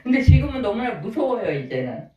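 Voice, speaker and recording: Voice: mid-range voice, very animated, fairly quick, warm tone, far from the mic. A pastor in their sixties preaches in a folksy, chatty way, throwing questions out to the congregation. The voice sits in the middle of the range and sounds set back from the microphone. A roomy church echo hangs around every phrase. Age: 60s. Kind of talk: conversational sermon. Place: church sanctuary.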